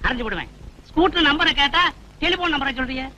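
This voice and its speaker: Hot-tempered elder brother, film comedy, fast talker, piercing bright voice, scolding. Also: male voice, extremely high pitch, expressive, exaggerated voice, low-quality recording. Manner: scolding, threatening, loud. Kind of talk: Tamil film comedy dialogue.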